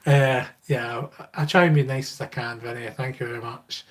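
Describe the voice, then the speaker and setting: A man's voice: mid-range voice, fairly even intonation, brisk. A man with a Scottish accent chatting casually and informally as a livestream host, rambling as he answers viewers. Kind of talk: casual live Q&A chat, reading and answering viewer comments.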